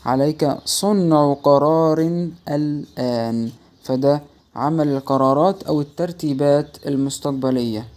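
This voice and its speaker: Egyptian man as English tutor, warm low-key tone, spells out examples slowly then explains briskly. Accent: Egyptian Arabic. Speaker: English teacher. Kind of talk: language lesson.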